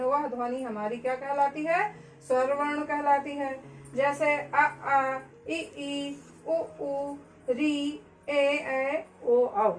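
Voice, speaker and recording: Slow high-voiced woman teacher. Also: roomy sound, poor audio. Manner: slow, repeats key words, asks and answers own questions. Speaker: school teacher. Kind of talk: classroom-style lesson.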